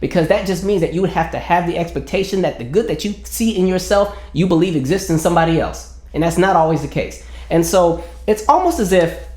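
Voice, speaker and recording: A man's voice: sits high, a little fast, hardly any pauses, darkish tone. Earnest man in an echoey room. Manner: earnest, building arguments, acts out quoted voices. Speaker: commentary vlogger. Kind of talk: opinion monologue to camera.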